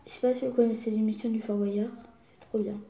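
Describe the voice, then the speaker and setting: A young woman from France chatting excitedly in a casual show-and-tell vlog, often dropping into whispers. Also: on the high side, fairly quick, creaky. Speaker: vlogger. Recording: echoey room.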